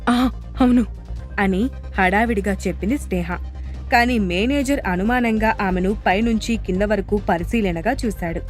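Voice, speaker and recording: Woman reading a drama story, steady narration, soft music under it. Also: medium pitch, normal speed. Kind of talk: scripted audio drama narration. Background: faint music.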